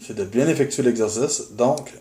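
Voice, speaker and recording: Patient guitar teacher, roomy sound. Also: male voice, mid-range voice, normal speed, dark tone. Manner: methodical, patient explaining with frequent "euh" fillers. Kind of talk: instructional video. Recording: roomy, with guitar playing in the background.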